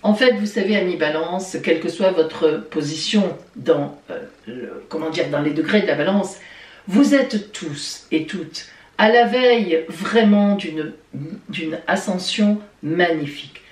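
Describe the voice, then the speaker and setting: A woman's voice: fairly low pitch, a little slow, darkish tone, far from the mic. A woman giving weekly horoscopes in a playful, chatty way, talking straight to her listeners. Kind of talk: casual horoscope reading. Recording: roomy sound from off-mic.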